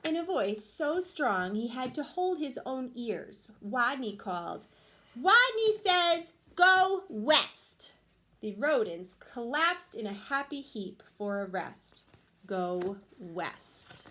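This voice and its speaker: Teacher lady reading a picture book to kids, high voice that swoops a lot, takes her time. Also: a little slow, few pauses. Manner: expressive, lively storytelling.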